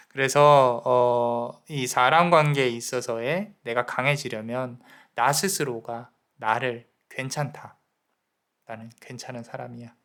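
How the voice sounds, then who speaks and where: A man giving a tarot reading, gently counseling the listener about love and self-worth and briefly acting out people's inner thoughts. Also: medium pitch. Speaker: tarot reader. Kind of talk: tarot reading advice to viewers.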